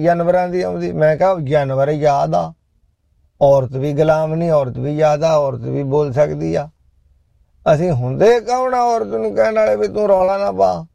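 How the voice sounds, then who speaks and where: Between songs, a middle-aged host chats casually and at length, loud and direct with his listeners, mixing jokes with preachy moments. His voice is dark, mellow and very gravelly with heavy fry, heard close and dry with no room sound.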